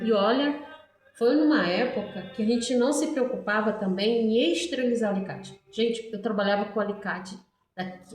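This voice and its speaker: A middle-aged Brazilian woman, born in Ceará and raised in Pará, talks in a medium-pitched, darkish voice. She's a hairdresser making a casual, rambling vlog for her followers about herself, addressing viewers and tagging "né" onto her sentences. The mic sits at a distance in an echoey space beside a busy street.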